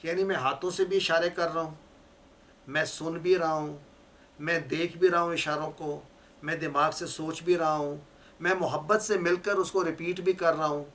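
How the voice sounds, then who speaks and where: A man's voice: a little high, steady tone, a bit bright. A male teacher giving a classroom lecture, explaining each point step by step and repeating key words for his learners.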